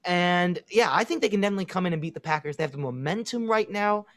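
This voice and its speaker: A man's voice: high-pitched, quick pace, fairly bright tone, no echo, studio quality. A man with a Chicago accent co-hosting a casual sports podcast, confidently analyzing teams and making predictions. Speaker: podcast co-host.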